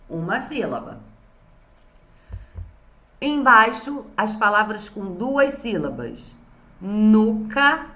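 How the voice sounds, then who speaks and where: A woman's voice: medium pitch, sharp tone. A woman with a Brazilian Portuguese accent, a primary school teacher recapping a remote lesson for young children and patiently sounding out words syllable by syllable. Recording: roomy echo.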